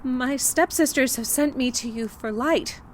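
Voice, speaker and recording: Timid young girl voiced by a woman, polite, earnest, higher, storybook. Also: unhurried, a little hiss or hum.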